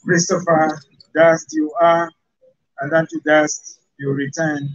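A man officiating at a burial, reciting the committal prayer in a solemn, measured way. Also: a little high, little pitch movement, no room sound. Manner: solemn, measured liturgical delivery. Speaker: officiating minister. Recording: dull lo-fi recording.

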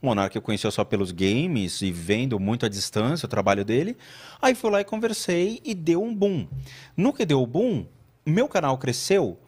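A man chatting as a podcast guest, telling a story with lively delivery and acting out what others said. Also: medium pitch, normal speed, breathy edge. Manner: animated storytelling, acts out quoted voices. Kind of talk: casual chat.

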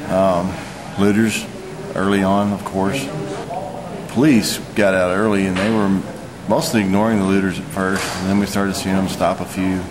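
A man in his forties giving an unscripted, matter-of-fact eyewitness vlog report, speaking haltingly. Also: sits low, level tone, noisy background. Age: 40s. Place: hotel lobby, indoors.

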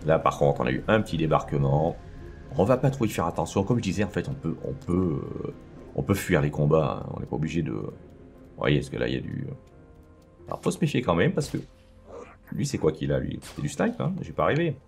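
Deep gravelly man narrating gameplay. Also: sing-song, a little fast, darkish tone, soft background music. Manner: chatty, thinking aloud with many fillers. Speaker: let's play host. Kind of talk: casual gameplay commentary.

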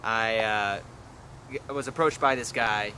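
A man's voice: on the low side, takes it slowly, very noisy. A man in his twenties telling a story outdoors in the woods, acting out the voices of the people in it. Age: 20s. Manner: acts out quoted voices. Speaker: interviewee. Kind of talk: animated storytelling.

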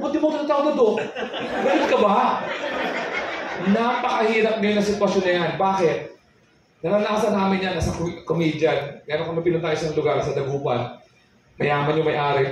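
A man with a rather high voice doing stand-up comedy, acting out conversations as he tells his stories. The sound is heavily echoey and distant, recorded live in a large room with audible background noise. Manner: storytelling with quick acted-out dialogue. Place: comedy venue with live audience. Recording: echoey live venue audio from far off, noisy.

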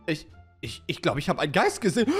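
A man hosting a playful Roblox story video, reacting excitedly as he explores. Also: a little high, fast talker, slightly rough, soft background music. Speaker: gaming YouTuber. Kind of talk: Roblox story roleplay narration.

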